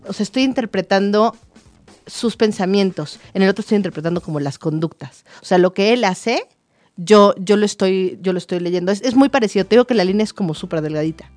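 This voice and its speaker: A woman's voice: mid-range voice, a little fast, darkish tone, no echo, soft background music. A woman, a therapist co-hosting a casual chat show, explaining ideas through examples with many fillers and restarts. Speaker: therapist co-host.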